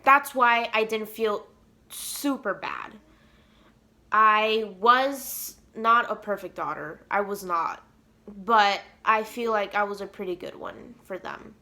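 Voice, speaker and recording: A woman's voice: mid-range voice, slow, vocal fry. A young woman telling an emotional storytime vlog in an earnest, rambling way, full of fillers like "like" and "you know". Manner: emotionally animated retelling. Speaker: vlogger.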